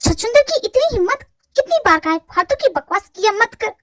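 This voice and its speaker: A woman's voice: extremely high pitch, very animated, fairly quick, a bit bright, no echo, studio quality, heavily acted. A woman voicing a fiery, hot-tempered young woman in an amateur fan dub, threatening her brother. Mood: furious. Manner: furious, threatening.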